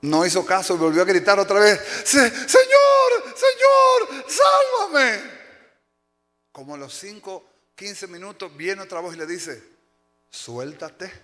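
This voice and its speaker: A man preaching a sermon as pastor, telling stories with acted-out cries and shouts. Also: sits high, a little fast, hardly any pauses. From Dominican Republic. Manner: animated storytelling, acting out shouts and cries. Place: church sanctuary. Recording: long hall reverb.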